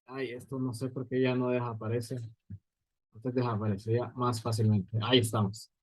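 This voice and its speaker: A man's voice: mid-range voice, little pitch movement, normal speed, no room sound, poor audio. A man teaching a physics lesson, explaining step by step and often checking in with his students. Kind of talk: recorded lecture at a writing board.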